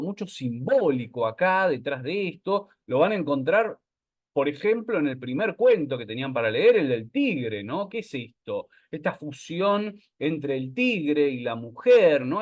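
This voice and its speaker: A man with an Argentine accent giving a relaxed online literature lecture, often checking in with his students by asking "right?". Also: on the high side. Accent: Argentine Spanish. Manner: conversational, frequent tag questions. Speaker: literature teacher. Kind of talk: virtual class lecture.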